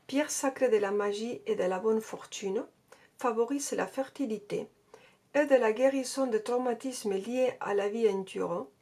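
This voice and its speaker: A woman's voice: a little high, measured pace, a little mellow. A woman casually reviewing an oracle card deck and reading out card texts, hesitating often. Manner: hesitant, with many fillers and restarts; reads card text aloud.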